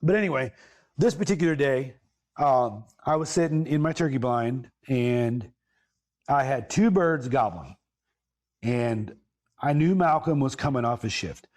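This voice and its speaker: A man tells a long story on his podcast, mid-pitched and casual. He rambles, backs up to correct himself, and leans into bursts of emphasis. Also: animated, a little slow, a little mellow. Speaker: podcast host.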